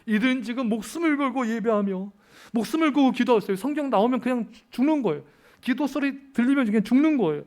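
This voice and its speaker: A middle-aged man preaches with fervor, his voice pitched high for a man. He keeps appealing to the congregation, drawing out and swelling the key phrases of his sermon. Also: animated, fast, a little mellow. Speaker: pastor.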